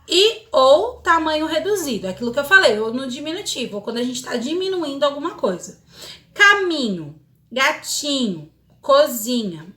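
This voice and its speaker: A Brazilian woman teacher with a Brazilian Portuguese accent, reading exercises aloud slowly and checking that her young pupils follow along. Her voice is high, bright and very lively. It sounds like an echoey room. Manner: explains patiently, reads exercises aloud slowly, checks in with "tá certo?". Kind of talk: recorded remote class lesson for children.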